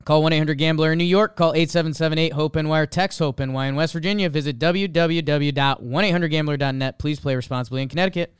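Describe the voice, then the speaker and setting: A male host reading scripted ad fine print as a very fast legal disclaimer. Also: on the high side, fairly even intonation, smooth, no echo, clean studio sound. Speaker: show host.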